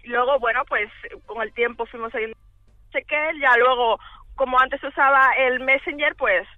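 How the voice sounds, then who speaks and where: A Dominican Republic woman calls in to a radio show and tells her own story casually, giggling as she goes. Her high voice has fairly even intonation and a moderate pace, coming through a tinny, band-limited phone line without echo, with faint music behind.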